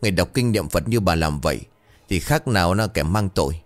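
Brief: narrator as a headstrong old boatman, low-voiced and steady, lively in his swings. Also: normal speed, no room sound, faint music behind. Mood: stubborn. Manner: firm, dismissive, low and steady. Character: stubborn, gruff older boatman husband.

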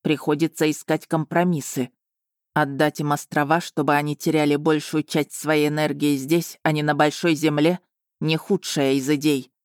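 A woman reading an audiobook voices a proud, stern male dragon who speaks slowly and in clipped, authoritative words. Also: sits low, flat delivery, dry recording, studio quality, close to an everyday voice. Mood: weary. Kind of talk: audiobook narration.

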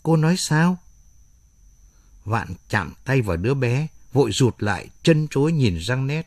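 A man narrating a dramatic story aloud in an expressive storytelling manner. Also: mid-range voice, moderate pace, dry recording, clean studio sound.

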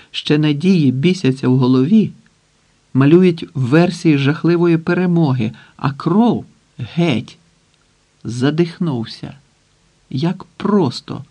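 A man reading an audiobook in a dramatic, deliberate way, acting out the characters. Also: on the high side. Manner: slow, deliberate, voices characters with shouts. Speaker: audiobook narrator.

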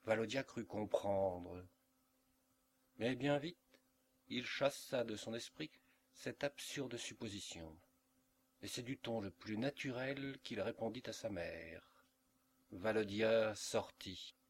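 A male audiobook reader narrating literary fiction with a measured, expressive delivery. His voice sits on the low side and he takes his time. A faint hum lingers beneath the home recording.

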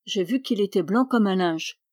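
A woman reading the part of a young peasant girl who keeps geese, chatty and proud, speaking in a lively, folksy country way. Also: mid-range voice, normal speed, natural voice. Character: peasant girl goose-keeper, chatty, proud, quick-tempered.

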